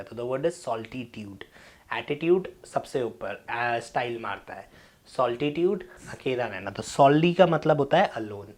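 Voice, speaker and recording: A young man with an Indian English accent teaches English vocabulary, switching between Hindi and English. He slows down to read lines from a book, then explains them quickly. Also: fairly high pitch. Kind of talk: classroom-style vocabulary lesson.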